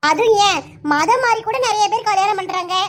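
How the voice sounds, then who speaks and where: A sharp-tongued young daughter. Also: female voice, very high voice. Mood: arguing. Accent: Kanyakumari Tamil. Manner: argumentative, quick retorts. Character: outspoken young married daughter, modern-minded.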